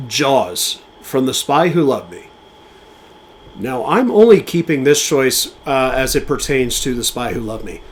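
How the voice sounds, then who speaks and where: A man's voice: medium pitch, lively intonation. Enthusiastic man talking movies on a podcast. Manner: enthusiastic, talks in quick bursts with fillers and restarts. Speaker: podcast co-host. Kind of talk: casual film commentary.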